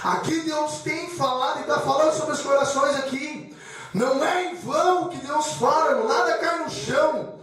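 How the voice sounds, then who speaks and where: A man's voice: extremely high pitch, normal speed, a bit bright. A man preaching a sermon with personal testimony, emotional and repetitive, calling the congregation brothers. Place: church hall. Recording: echoey church hall from far off.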